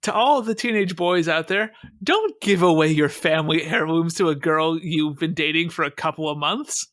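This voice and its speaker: A man's voice: on the high side, moderate pace, a bit bright, dry recording. A man hosting a podcast, recapping an episode and chatting with a wry, sarcastic manner on a close mic. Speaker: podcast host. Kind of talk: casual chat and episode recap.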